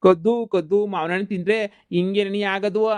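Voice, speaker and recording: A woman's voice: mid-range voice, fairly even intonation, normal speed, a little mellow, lightly acted. A woman doing a sweet-talking village suitor. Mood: teasing. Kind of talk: cartoon comedy voice acting.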